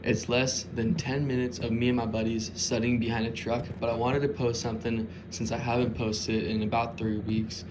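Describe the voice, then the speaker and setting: A man's voice: medium pitch, little pitch movement, moderate pace, hardly any pauses. A young man giving a casual introduction to his own vlog, with noise behind him. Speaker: video creator. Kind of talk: casual video intro to camera. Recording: clear background noise.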